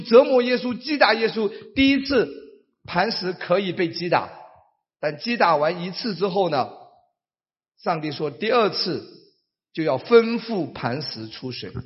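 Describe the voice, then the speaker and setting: A man preaching with a high voice, his words ringing out in a long hall echo. He shifts from hushed, low lines to loud exclamations and keeps asking rhetorical questions. The sound is dull and muffled. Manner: dramatic swings between hushed and shouted, rhetorical questions. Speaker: pastor. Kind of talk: sermon.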